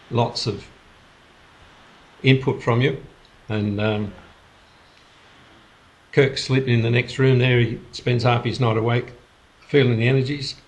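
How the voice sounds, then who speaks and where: Unhurried man talking over a video call. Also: medium pitch. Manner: unhurried, halting, with many restarts and soft laughs. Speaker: host of a spiritual gathering. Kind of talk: casual reflective talk on a video call.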